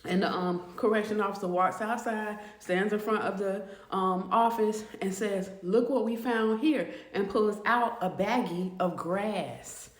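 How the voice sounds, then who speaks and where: A woman telling a storytime tale in a casual, animated way, acting out the people in it. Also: medium pitch, a little slow, few pauses, roomy sound. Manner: animated, acts out the quoted voices.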